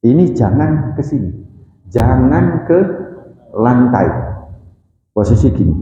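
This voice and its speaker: A man with an East Javanese accent, a doctor giving a lively, hands-on health talk to a mosque congregation, directing listeners step by step. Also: medium pitch. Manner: lively, demonstrative, directs the audience. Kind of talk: casual religious health lecture. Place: large mosque hall. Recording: echoey hall, dull lo-fi sound.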